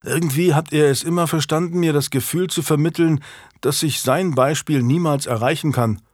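A man's voice: on the high side, moderate pace, no echo, clean studio sound, pitched above the performer's own voice, natural voice. A man reading an audiobook, voicing a proud, wary young king with a clipped, commanding delivery. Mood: bitter. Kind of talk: audiobook character voice.

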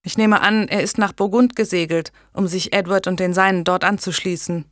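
A woman reading an audiobook, voicing a calm, polite young medieval nobleman with a steady, firm manner. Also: on the low side, a little fast, no echo, studio quality, lightly acted.

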